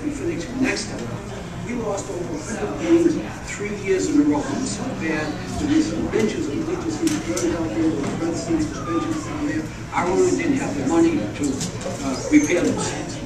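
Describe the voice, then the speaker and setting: A man gives a tour with big swings in his voice, telling old stories with relish. The sound is very echoey and distant. Loud crowd noise sits around him. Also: high voice. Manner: lively, storytelling. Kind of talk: animated tour talk. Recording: echoey noisy outdoor clip from afar.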